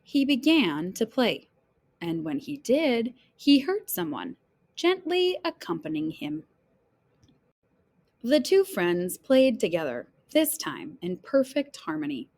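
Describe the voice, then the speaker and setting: A woman with a medium-pitched voice reads a children's picture book aloud like a teacher or storyteller. Her delivery is expressive and dramatic, with deliberate phrasing for young listeners.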